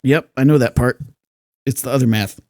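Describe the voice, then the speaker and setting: Man as game master: middle-pitched, dry and close, easygoing narration with frequent laughs. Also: normal speed, darkish tone, dry recording. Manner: casual, laughs often, trails off with fillers.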